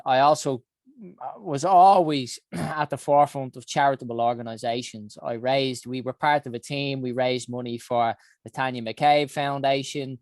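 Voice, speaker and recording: A man in his early forties from Ireland, the founder of a health summit, gives an earnest personal talk about his career in a Dublin Irish accent, with many ums and uhs. His voice is mid-range, and there's no echo.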